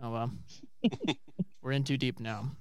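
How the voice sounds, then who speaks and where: Laughing, teasing American quiz host from Colorado, smooth, dry close sound. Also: male voice, medium pitch, lively intonation, slow, dry recording. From Colorado, United States. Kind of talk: casual podcast chat. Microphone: studio microphone.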